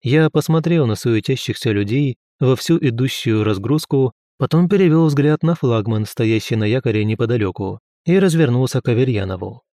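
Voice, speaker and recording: Guy narrating an audiobook, mid pitch, steady, dry close mic. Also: moderate pace, hardly any pauses, dry recording. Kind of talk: first-person audiobook narration.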